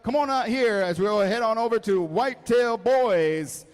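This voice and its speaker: A man working as a powwow emcee, announcing ceremonially to a live gathering, with drawn-out introductions and calls to the crowd. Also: sits high, clear, resonant tone. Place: large echoey indoor school venue. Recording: echoey hall PA with music.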